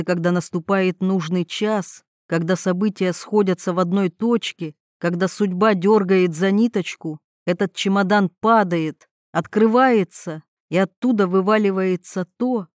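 A woman's voice: mid-range voice, steady tone, unhurried, hardly any pauses, darkish tone, dry recording. Woman reading a story, dry and close. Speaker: narrator. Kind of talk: storybook narration.

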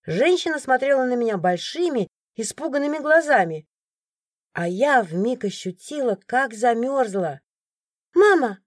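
A woman narrates a first-person story in an expressive, lively storytelling voice. The recording is dry and close, with nothing of the room around her. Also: fairly high pitch, no echo. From Siberia, Russia.

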